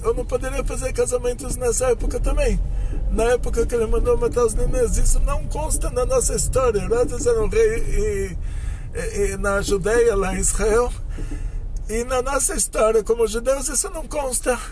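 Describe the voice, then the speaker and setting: A man's voice: extremely high pitch, fairly even intonation, moderate pace, darkish tone, soft background music, rough recording. A Brazilian man who is a rabbi, explaining things in a plainspoken, casual way with a Brazilian Portuguese accent while talking in a car.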